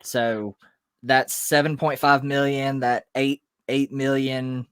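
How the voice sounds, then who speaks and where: A man's voice: medium pitch, flat delivery, slow pace, a bit bright, clean tone, no room sound, studio quality. A man co-hosting a casual sports podcast, explaining news step by step with frequent ums. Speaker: podcast co-host.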